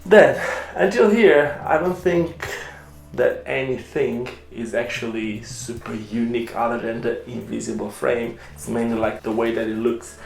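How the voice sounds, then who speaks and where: A man's voice: medium pitch, steady tone, measured pace, vocal fry. A man who speaks Portuguese as his first language, giving a chatty, enthusiastic review while unboxing skates and correcting himself along the way. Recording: echoey room with faint music.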